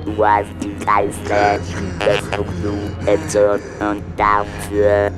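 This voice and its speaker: A stern voodoo avenger in a radio play. The male voice is extremely monotone and slow, intoning menace. Loud music surrounds it. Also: lowish voice. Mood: ominous, commanding. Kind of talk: audio drama acting.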